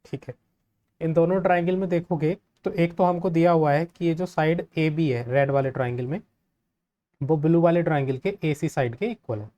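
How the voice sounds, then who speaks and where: A man's voice: fairly high pitch, warm tone, lo-fi sound. Friendly man teaching a maths lesson. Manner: friendly, asks the class quick checking questions. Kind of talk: step-by-step geometry lesson.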